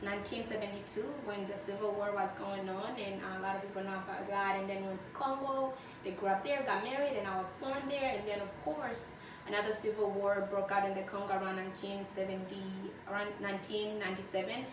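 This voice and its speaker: A woman's voice: mid-range voice, fairly quick, few pauses, background noise. Earnest young woman, distant echoey mic. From Tanzania. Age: 20s. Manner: earnest, steady, many fillers. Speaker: interviewee. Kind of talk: casual interview answers.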